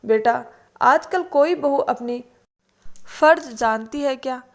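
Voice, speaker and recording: Woman reading a put-upon older mother, soft-spoken and resigned, fairly high voice; storybook read-aloud. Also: takes it slowly.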